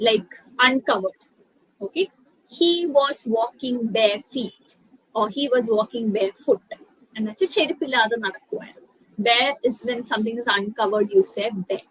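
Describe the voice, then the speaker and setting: A young woman with a Malayali accent teaching an English lesson, spelling out words letter by letter and switching between careful English and quick Malayalam. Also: on the high side, a bit bright, husky, poor audio. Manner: slow, deliberate English explanations, mixed with rapid Malayalam. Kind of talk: online spoken-English lesson.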